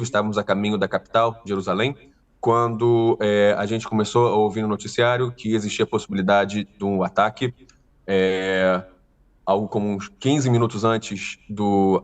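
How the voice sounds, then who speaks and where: A man with a carioca accent from Rio, a tour guide speaking in a remote news interview with many hesitant pauses. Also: fairly low pitch, far from the mic. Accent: Carioca Brazilian Portuguese. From Rio de Janeiro, Brazil.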